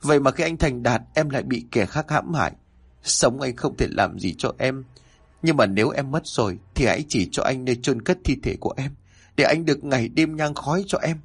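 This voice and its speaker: A grief-stricken young man voiced by a male narrator pleads tearfully in a horror audio story. His voice sits higher than the narrator's and has a husky edge. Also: expressive, brisk. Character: grieving young man in a wheelchair, desperate.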